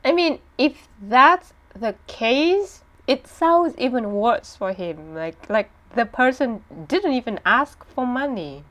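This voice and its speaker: A woman giving casual commentary on online comments, reacting in disbelief with expressive emphasis and repeated phrases. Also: on the high side, slow, few pauses. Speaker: small online content creator.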